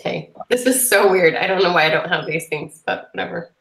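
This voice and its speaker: A young woman talks on a video call, chatty and full of questions as she works through homework problems. Her voice sits a bit low for a woman. The room around her mic sounds echoey. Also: brisk, gravelly, a bit bright. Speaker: student in a study group. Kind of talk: casual chat while working problems. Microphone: computer mic on a video call.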